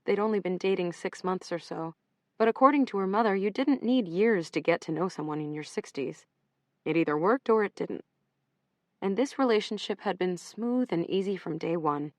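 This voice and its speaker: A woman narrating an audiobook in a measured, even storytelling manner. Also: medium pitch, no echo.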